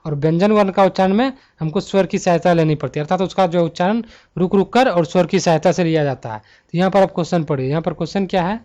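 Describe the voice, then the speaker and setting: A man teaching a Hindi grammar exam-prep lesson, talking students through multiple-choice answers and slowing down to list letters one by one. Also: high voice, darkish tone. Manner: slows to spell out letter lists one by one.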